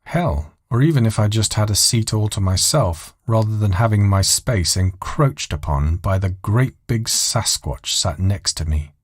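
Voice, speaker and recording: Man voicing a prim, complaining British woman, lively pitch. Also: unhurried, few pauses, no echo, clean studio sound. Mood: bitter. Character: prim, bitter, fussy British woman passenger. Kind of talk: scripted audio story.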